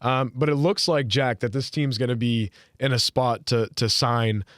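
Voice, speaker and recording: A man's voice: mid-range voice, fairly even intonation, moderate pace, a bit bright, dry recording, studio quality. A man hosting a sports podcast in casual chat, rambling with lots of fillers and restarts. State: hiccuping. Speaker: podcast host.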